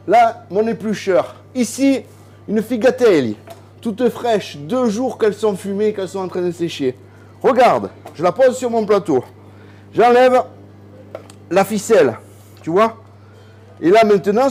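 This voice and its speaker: A man's voice: high-pitched, a little mellow. A man hosting a casual home cooking vlog, talking chattily straight to the viewer. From southern France. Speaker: cooking video host. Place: home kitchen.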